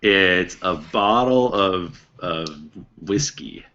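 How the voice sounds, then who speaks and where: A man's voice: deep voice, extremely slow, pushed and bright, dull audio, heavily acted. A man playing a sly, goading small-town schemer in improvised role-play, stumbling and needling as he goes. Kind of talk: improvised role-play at a live tabletop game.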